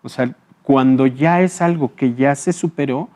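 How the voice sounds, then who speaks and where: Mellow-voiced psychologist explaining calmly. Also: male voice, medium pitch, measured pace. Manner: calm and explanatory, checks in with a tag question; frequent filler hesitations. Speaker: psychologist and thanatologist guest. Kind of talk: explanatory interview talk.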